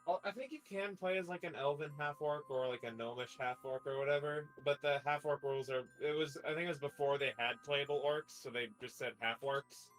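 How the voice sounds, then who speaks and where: A man's voice: on the high side, brisk, few pauses, soft background music, low-quality recording. A man playing in a tabletop game on a live stream, explaining rules in a casual, hedging way with many fillers. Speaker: player.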